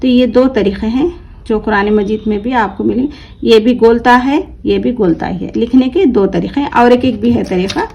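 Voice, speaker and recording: A woman's voice: fairly high pitch, normal speed, gravelly, warm tone, slightly rough, dull audio. Woman teacher quizzing her class. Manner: asks the class questions and answers them herself; drawls and stretches the words she reads out as examples. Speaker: Quran reading teacher. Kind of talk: explaining a lesson to learners.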